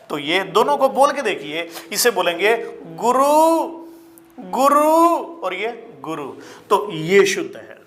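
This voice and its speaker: A man teaching a spelling lesson to exam students, repeating each word slowly and calling his listeners children. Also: high voice, a bit bright. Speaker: Hindi teacher.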